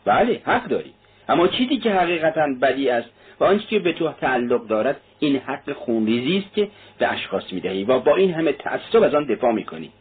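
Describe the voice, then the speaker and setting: A man's voice: medium pitch, slightly rough. A man voicing a shrewd probing magistrate. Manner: probing, measured. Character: shrewd middle-aged male magistrate, probing. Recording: tinny narrow-band audio.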